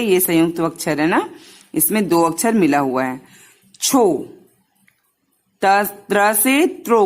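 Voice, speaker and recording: A woman teaching young children a Hindi lesson, sounding out each syllable patiently and mixing in English words. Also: medium pitch.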